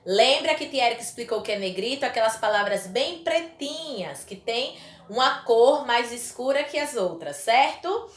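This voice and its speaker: A woman teaching a recorded lesson to young children, drawing out words slowly and stressing syllables carefully, with a Brazilian Portuguese accent. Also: a little high, animated, roomy sound. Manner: slow, exaggerated pronunciation of syllables for young pupils. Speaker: primary school teacher.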